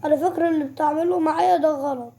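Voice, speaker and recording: High-voiced Egyptian woman gamer. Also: steady tone, racing, dark tone. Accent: Egyptian Arabic. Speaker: gaming YouTuber. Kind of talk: excited gameplay commentary.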